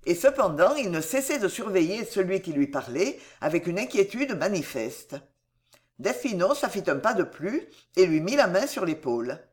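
An audiobook narrator reading an adventure novel with dramatic, expressive storytelling. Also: mid-range voice, moderate pace.

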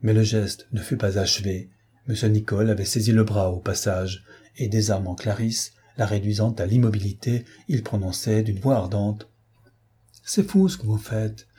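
A man reading a novel aloud as narrator, measured and dramatic. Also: on the low side, steady tone, mellow, slightly rough. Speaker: audiobook narrator. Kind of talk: scripted narration.

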